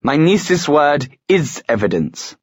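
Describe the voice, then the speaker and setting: A man's voice: fairly high pitch, a little fast, no echo, studio quality, pitched above the performer's own voice, lightly acted. A man voicing an imperious older aunt who speaks in a frozen, cutting way, in an audiobook. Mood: snapping. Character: older grande dame aunt, imperious and icy.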